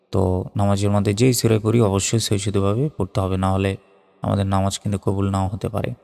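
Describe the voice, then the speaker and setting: A man teaching Quran recitation who spells out each letter and vowel mark, then chants the words slowly. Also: lowish voice, creaky, a little mellow. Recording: long hall reverb with faint music.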